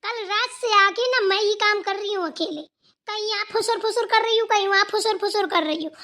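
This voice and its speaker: A woman voicing a sharp-tongued, sarcastic young daughter-in-law in a cartoon. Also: very high-pitched, fairly quick. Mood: taunting. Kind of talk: cartoon voice acting.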